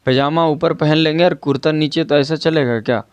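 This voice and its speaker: A man's voice: on the high side, steady tone, brisk, clean tone, dry recording. A man teaching an online Quran reading lesson, patiently repeating and stretching out syllables and asking his students rhetorical questions.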